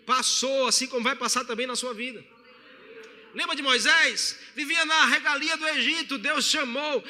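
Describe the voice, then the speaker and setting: A man's voice: very high-pitched, sharp tone, big-room sound. A male pastor preaching a sermon to his church and calling for responses from the congregation. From Brazil.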